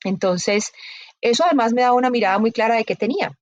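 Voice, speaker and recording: A woman's voice: a little high, quick pace, dry recording. Storytelling woman, dull dry sound. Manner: animated, acts out quoted dialogue in storytelling. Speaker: bookseller guest. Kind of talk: conversational storytelling interview.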